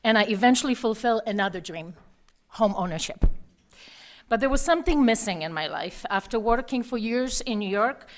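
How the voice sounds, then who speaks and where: A woman's voice: on the high side, lively intonation, fairly quick, a little hiss or hum. Polish-accented woman giving a campaign statement. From Poland. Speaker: candidate. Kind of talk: prepared opening statement. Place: meeting hall.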